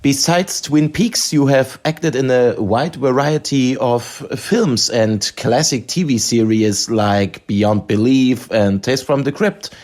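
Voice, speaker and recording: A male podcast host reads his prepared questions in a measured, formal way. His voice sits at an ordinary middle pitch. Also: a little mellow. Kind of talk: reading prepared interview questions.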